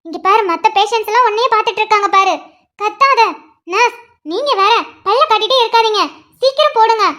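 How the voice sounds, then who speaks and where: A woman voicing a bossy young woman who brings a patient to hospital and gives brisk, scolding orders in a cartoon. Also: very high voice, pushed and bright. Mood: impatient.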